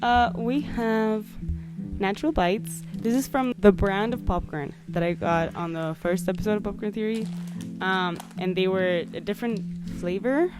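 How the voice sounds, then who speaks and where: A woman's voice: mid-range voice, normal speed, over music. A young woman hosting a podcast, chatting casually with lots of likes and ums. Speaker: podcast host. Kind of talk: casual chat.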